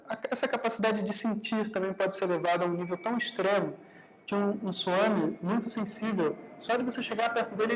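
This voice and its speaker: A man's voice: sits high, low-quality recording. A man teaching a live meditation workshop in a conversational way, often checking in with the audience and acting out short exchanges. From Brazil. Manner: conversational, often adds tag questions to the audience; acts out quoted dialogue in his own talk.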